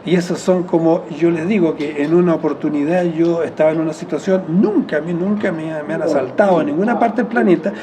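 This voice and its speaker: A man with a Chilean accent, explaining in a rambling, reflective way as an interviewee, often correcting himself mid-phrase and chuckling softly. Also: fairly high pitch, a little fast, few pauses, noisy background.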